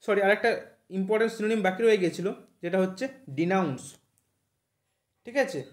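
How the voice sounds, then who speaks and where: Spelling words slowly and tacking "thik ache?" onto almost every point, a male tutor teaches vocabulary online for English exam preparation. His voice is high and quick, and the recording has a roomy echo.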